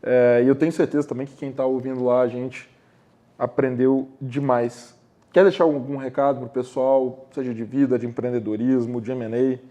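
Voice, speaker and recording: A man's voice: mid-range voice, fairly even intonation, moderate pace, warm tone. A man hosting a podcast, telling a reflective story in an informal, conversational way. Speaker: podcast host. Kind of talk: casual podcast interview.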